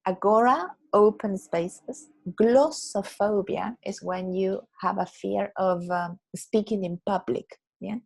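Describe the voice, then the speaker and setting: A woman teaching an English class over a video call. She explains patiently, repeats words slowly and keeps checking with "yeah?". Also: medium pitch, gravelly, slightly rough, rough recording. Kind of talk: online English lesson.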